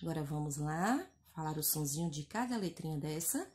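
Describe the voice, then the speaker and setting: A woman teacher from Brazil with a northeastern Brazilian accent, speaking slowly in a sing-song way as she sounds out syllables and praises young children in a recorded phonics lesson. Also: deep voice, expressive, a little mellow, a little hiss or hum. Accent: Brazilian Portuguese, northeastern. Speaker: first-grade teacher.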